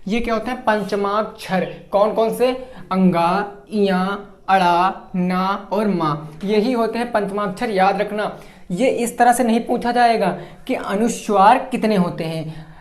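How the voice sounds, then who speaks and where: This unhurried male voice sits high. He teaches grammar for an upcoming exam, raising a question and then answering it, stretching out his sample words and checking in often to confirm the students understand, all in a room with noticeable echo.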